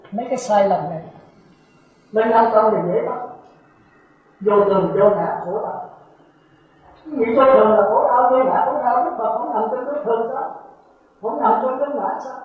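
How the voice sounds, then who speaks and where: A man, a Buddhist monk giving a dharma talk who keeps checking that his listeners follow. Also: sits high. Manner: lecturing, repeats rhetorical checks to listeners. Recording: heavily echoey, tinny phone-like sound.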